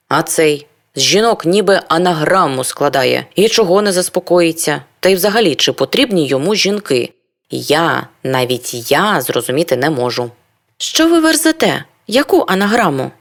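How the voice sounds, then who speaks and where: A reader narrating a literary novel in the first person, brooding and introspective, often turning to rhetorical questions. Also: medium pitch. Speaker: audiobook reader.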